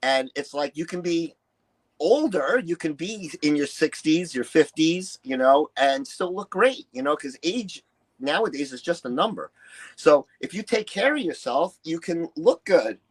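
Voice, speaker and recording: An expressive, unhurried man with a voice on the high side tells personal stories openly as an interview guest. In his early 60s and from New York City, he's a retired musician and bodybuilder whose delivery is blunt, emphatic and profane, with quoted remarks acted out.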